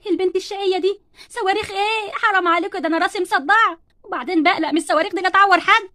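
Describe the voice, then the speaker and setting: A woman's voice: very high voice, very fast, sharp tone. A woman voicing a tired older neighbor woman with a headache, pleading and scolding in an Egyptian accent. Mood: weary.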